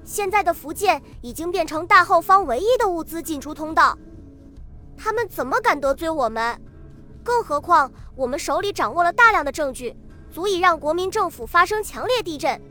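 A woman's voice: extremely high pitch, animated, normal speed, sharp tone, soft background music, heavily acted. A woman reading the lines of a confident, dismissive older male official in a novel, speaking in a self-assured, offhand way.

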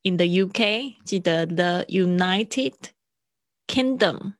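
A woman's voice: on the low side, slow, no echo, clean studio sound. A woman English teacher, giving a live-streamed lesson in a chatty, patient way with frequent laughter.

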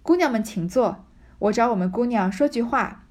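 A woman's voice: on the high side, lively intonation, moderate pace, a little mellow, lightly acted. A woman doing a wheedling, fawning sister-in-law. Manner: wheedling, coaxing, secretive.

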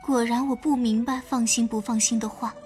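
A woman's voice: a little high, steady tone, brisk, a little mellow, soft background music, close to an everyday voice. A woman playing a frail, touchy young noblewoman. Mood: wry, wounded. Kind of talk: audio drama acting.

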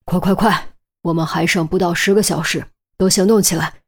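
A woman voicing an urgent, commanding male police team leader in an audiobook, giving brisk orders. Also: fairly low pitch, steady tone, close to an everyday voice.

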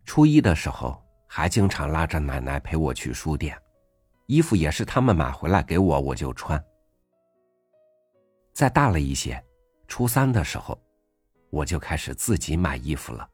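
Very deep-voiced man reading gently. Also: big pitch swings, moderate pace, pauses often, breathy edge, dry recording. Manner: gentle, reflective first-person reading. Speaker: audiobook host reading an essay. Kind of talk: scripted narration. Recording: dry studio voice over faint music.

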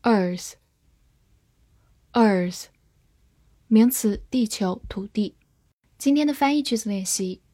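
A woman giving a scripted English vocabulary lesson, spelling words letter by letter and reading example sentences slowly and carefully. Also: mid-range voice, expressive, mellow, dry recording, clean studio sound. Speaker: English teacher.

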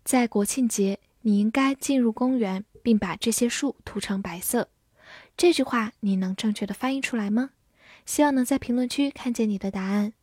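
A woman teaching English vocabulary, spelling words out letter by letter and reading example sentences slowly. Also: fairly high pitch, a little mellow, breathy edge, dry recording, studio quality. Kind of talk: slow, clear vocabulary lesson.

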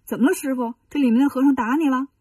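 A fearless monkey warrior barks bold, bossy orders, as a woman storyteller puts him on. The tone is mellow and a bit husky. It is recorded dry, slightly off the mic. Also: sits high, rapid-fire, no echo, far from the mic. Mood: eager. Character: brash, fearless male monkey warrior disciple.

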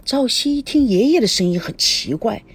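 A woman reading a novel aloud as a narrator, expressive and dramatic. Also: on the high side, normal speed, slightly rough, dry recording. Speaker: audiobook narrator. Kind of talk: storybook narration.

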